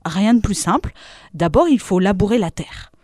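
A woman's voice: mid-range voice, expressive, normal speed, darkish tone, no echo, studio quality, lightly acted. A woman doing a patient, cheerful farmhand. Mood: explaining. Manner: explanatory, matter-of-fact. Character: patient, cheerful man harvesting wheat.

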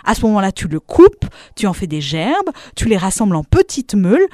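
Lady doing a cheery patient harvester, explains step by step, lively voice. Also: mid-range voice, brisk, dry recording, studio quality, lightly acted. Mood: explaining. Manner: explanatory, matter-of-fact.

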